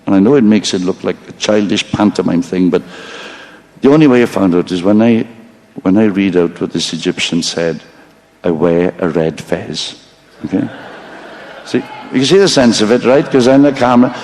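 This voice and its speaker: A man with a low, darkish voice and lively intonation spins a rambling stage monologue at normal speed as a stand-up storyteller. Swearing freely and mocking himself, he halts now and then to apologize for his slip-ups.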